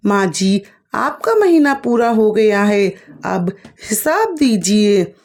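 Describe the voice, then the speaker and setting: A woman's voice: mid-range voice, very animated, slow, a little mellow, heavily acted. A woman voicing a patient, devout young daughter-in-law who speaks politely and pleads.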